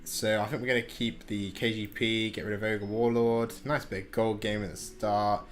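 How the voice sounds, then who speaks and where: Playing a card game at home, this young man offers loose, self-mocking commentary for his gaming channel, full of ums and false starts. He speaks into a desk mic in his room. His voice is fairly low, with little pitch movement, a moderate pace, and a faint hiss or hum underneath.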